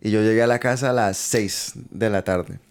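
A man's voice: on the low side, normal speed, clean tone. A young man, a podcast co-host, telling a story in casual chat with lots of laughter and slang. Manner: laughing, animated, slangy retelling.

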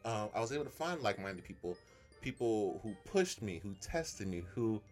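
Earnest storytelling man, low voice. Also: big pitch swings, moderate pace, soft background music. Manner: earnest storytelling with many restarts. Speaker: podcast co-host. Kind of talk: casual chat.

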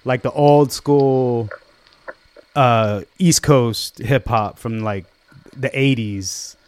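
Forties male guest, smooth tone, loose conversational delivery. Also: medium pitch, drawn-out words, a little mellow, no echo. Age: 40s. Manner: rambling, full of "like" and "you know". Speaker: guest musician. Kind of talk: casual interview chat.

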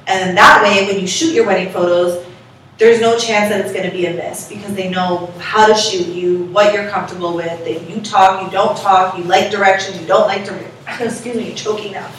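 A chatty, emphatic woman talks shop as an event planner, laughing easily. Her voice sits at an ordinary pitch. It rings around a very echoey room from a mic set some way off, with faint noise underneath. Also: far from the mic. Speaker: event planner, podcast co-host. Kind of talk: casual chat.

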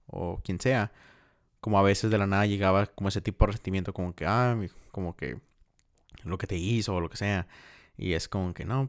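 A young man, hosting a podcast and talking through a book in a casual, reflective way with many fillers. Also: fairly low pitch. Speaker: podcast host. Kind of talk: casual book-review monologue.

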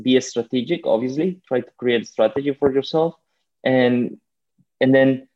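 A man's voice: medium pitch, highs cut off. A man in his twenties in casual, reflective chat, rambling informally as he thinks aloud.

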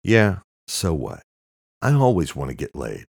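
A man with a very deep voice playing a crude, quick-tempered young male artist who swears and shouts when angry. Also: huge pitch swings, gravelly, breathy edge, no echo, clean studio sound, full character voice. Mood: exasperated. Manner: profane, sarcastic, shouting in anger.

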